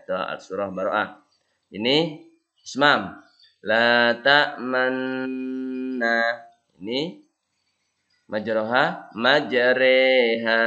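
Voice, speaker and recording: A man teaching Quran recitation, explaining each rule in casual asides and then chanting the verse slowly and drawn out. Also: on the low side, sharp tone, highs cut off.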